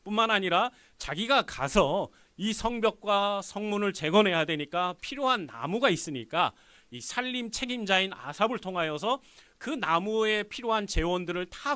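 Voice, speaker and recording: In a church sanctuary, a pastor tells a sermon story in an animated way, performing the characters' dialogue and putting questions to his congregation. His voice is high and moderately paced, with no echo.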